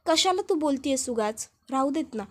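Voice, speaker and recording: A gentle young village woman with a soft, pleading way of talking, read out by a woman narrator. Her voice sits quite high. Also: lively intonation, moderate pace, no room sound.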